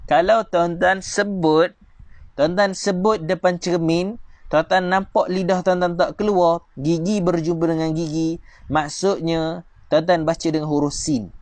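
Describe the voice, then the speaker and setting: Man, Malaysian Malay accent, high voice, patient pronunciation drills, slow chanted recitation. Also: steady tone, no echo. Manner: patient, repetitive pronunciation drilling, addresses viewers directly. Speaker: Quran recitation teacher. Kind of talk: online Quran reading lesson.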